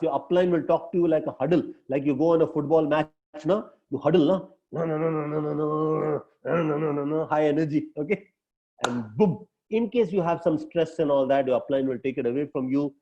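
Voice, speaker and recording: A man's voice: fairly high pitch, warm tone. A man with an Indian English accent coaching his team in an emphatic way, often ending with tag questions. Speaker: business coach. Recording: dull lo-fi recording.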